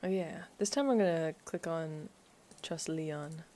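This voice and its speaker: A woman's voice: low voice, measured pace, dark tone. Giggly woman streaming a game. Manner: giggly, laughs often; chatty, talks to viewers. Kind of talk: casual live gameplay commentary.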